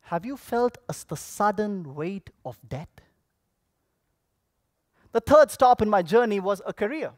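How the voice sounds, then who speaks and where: A man delivering a rehearsed motivational speech, telling stories theatrically with dramatic pauses and projecting to an audience. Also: sits high, expressive, a little mellow, dry recording, studio quality. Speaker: contest public speaker. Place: on stage at a speech contest convention.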